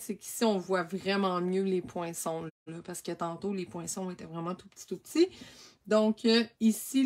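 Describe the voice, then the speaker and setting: A medium-pitched woman with a Québécois French accent, a craft supply consultant, gives a casual, chatty rundown of craft products. She often restarts her sentences and laughs at her own slips.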